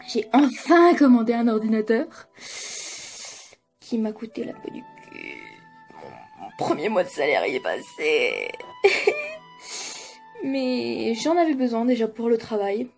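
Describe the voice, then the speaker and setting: A young woman with a fairly high but mellow, relaxed voice, chatting casually to camera from her apartment. She laughs a lot and swears freely, with a self-mocking tone, while faint music plays behind her. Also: unhurried, creaky, long pauses. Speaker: YouTuber. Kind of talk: casual vlog chat to camera.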